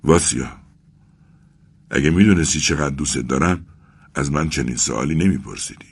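A man's voice: rumbling low, creaky, breathy edge, full character voice. A man doing an earnest, devoted friend. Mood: tender. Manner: earnest, coaxing, rising with excitement.

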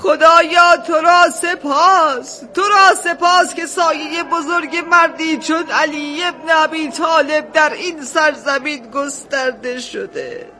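Distraught radio-drama mother, very high voice, sharp bright tone, emotional, music behind. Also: few pauses. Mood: impassioned. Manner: impassioned, swings between shouting and weeping. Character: distraught mother reclaiming her lost son. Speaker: Salima, a woman in a dispute.

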